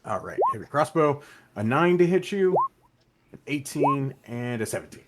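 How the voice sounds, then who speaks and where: A man narrating as game master of a tabletop game, calling for checks and describing the action in a relaxed, matter-of-fact way. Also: medium pitch, normal speed, very noisy. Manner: relaxed, matter-of-fact rules talk with fillers.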